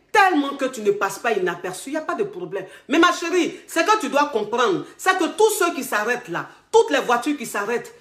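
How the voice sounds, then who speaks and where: A woman with an Ivorian accent and a high, fairly bright voice delivers a relationship-advice monologue to camera, her words bouncing around a reverberant room. She has a cold with a sore throat, yet she presses her points emphatically, repeats herself, and calls viewers darlings.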